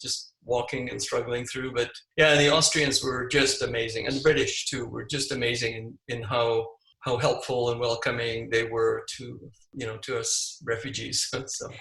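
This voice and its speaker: Older Hungarian-born man, bright echoey voice. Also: mid-range voice, level tone, creaky. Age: 70s. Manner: reflective, halting with many restarts and fillers. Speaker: guest, physician and screenwriter. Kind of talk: casual interview.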